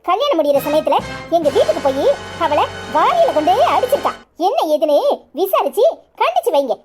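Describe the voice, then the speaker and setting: Woman doing a sharp-tongued village wife, kanyakumari tamil accent, high voice, swoops all over while she scolds. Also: sing-song, brisk, faint music behind. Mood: angry. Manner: scolding, shrill, sarcastic. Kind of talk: cartoon voice acting.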